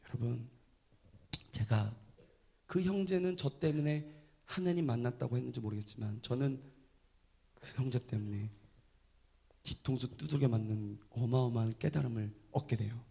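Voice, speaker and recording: A man preaching a sermon and telling his story with drama, dropping from loud to hushed. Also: medium pitch, moderate pace, creaky, long pauses. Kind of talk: sermon testimony.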